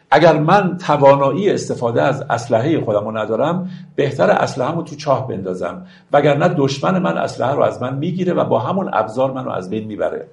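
Man, gravelly voice, poetry lecture, slow recitation, chatty explanations. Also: mid-range voice, a little mellow. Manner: recites verse slowly, then explains conversationally. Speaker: teacher of classical poetry.

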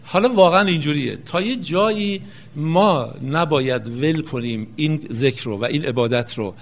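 A man giving a spoken lecture, explaining points one by one and slowing down to recite verse. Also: fairly high pitch. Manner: slows down to recite classical verse; calm explanatory delivery, listing points one by one. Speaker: lecturer on Rumi and Sufi practice.

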